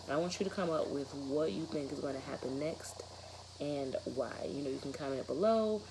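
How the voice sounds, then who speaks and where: A woman in her thirties with a low-sitting voice speaks at normal speed, with background noise audible. She's a teacher sitting in bed indoors in a bedroom, reading a children's novel aloud and putting questions to students.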